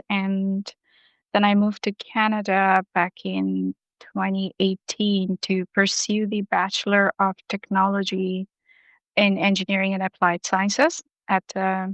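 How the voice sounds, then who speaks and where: A young woman from Bangladesh talks as an interview guest, thinking her way through answers with plenty of ums and uhs. Her voice is smooth and clean at a middle pitch. The recording is dry and a bit dull. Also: a bit bright, no room sound. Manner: thoughtful, with frequent ums and uhs. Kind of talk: casual interview.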